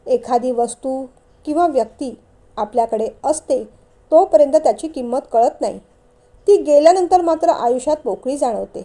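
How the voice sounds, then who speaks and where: A woman narrating an emotional family story in a calm, measured reading. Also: high voice.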